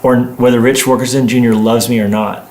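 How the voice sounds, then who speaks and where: A man's voice: mid-range voice, flat delivery, brisk, darkish tone. A man chatting casually as co-host of a livestream, telling stories in a playful, rambling way. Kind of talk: casual livestream chat with partner. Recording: roomy, echoing indoor sound.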